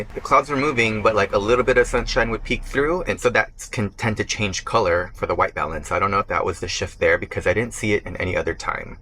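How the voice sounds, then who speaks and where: A man's voice: on the low side, sharp tone, a little hiss or hum. Chatty young man vlogging over a burger. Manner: chatty, eating between sentences, talking with mouth full. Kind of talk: casual vlog talk to camera while eating. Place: burger restaurant.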